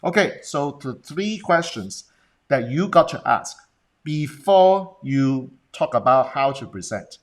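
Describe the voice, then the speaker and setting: A man's voice: medium pitch, animated, slow. A man with a Hong Kong accent coaching viewers on a livestream in a blunt manner, often putting questions to them and checking in. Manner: rhetorical questions and check-ins with the audience. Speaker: business presentation coach. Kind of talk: Facebook Live talk, coaching viewers.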